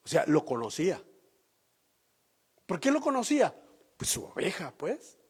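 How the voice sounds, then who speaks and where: A man preaching a sermon as pastor, slow and emphatic, asking the congregation rhetorical questions. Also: high voice, huge pitch swings, darkish tone, breathy edge, in a large hall.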